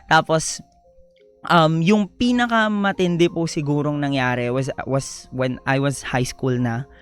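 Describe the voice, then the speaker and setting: A young man, a guest on a radio talk show, telling his life story in a soft-spoken, polite way, often slipping into English. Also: fairly high pitch, steady tone, measured pace, clean tone, faint music behind. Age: young adult. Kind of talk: personal storytelling interview.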